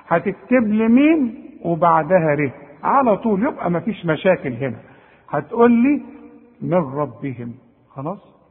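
A man with an Egyptian accent teaching Quran recitation rules in a lively, corrective way, sounding out each letter. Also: high-pitched, slightly rough. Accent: Egyptian Arabic. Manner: animated, demonstrates letter sounds, corrects the listener. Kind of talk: colloquial tajweed lesson. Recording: tinny phone-like sound with long reverb.

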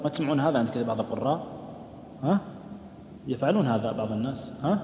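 A man's voice: mid-range voice, expressive, fast, slight background noise. A man teaching a lesson on recitation rules, often questioning his listeners and chanting short examples. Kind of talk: explaining a lesson to a class. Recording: echoey hall, dull lo-fi sound.

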